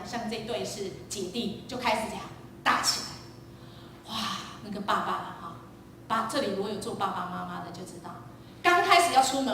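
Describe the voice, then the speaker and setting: A woman preacher giving a sermon, telling a lively story and quizzing the congregation. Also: mid-range voice, background noise. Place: church sanctuary. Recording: echoey church hall, distant mic.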